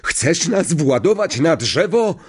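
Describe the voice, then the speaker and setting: A man voicing a loud, excitable young bus conductor who gossips in slang for an audiobook. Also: on the high side, slow, voice pushed up, heavily acted. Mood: boisterous gossip. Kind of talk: audiobook character voice.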